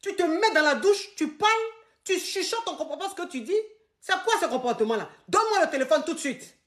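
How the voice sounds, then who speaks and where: Lady acting out a jealous husband yelling and grilling his wife, fairly high voice. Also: expressive, brisk, reverberant. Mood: indignant. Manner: shouting, indignant questioning. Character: jealous angry husband demanding phone.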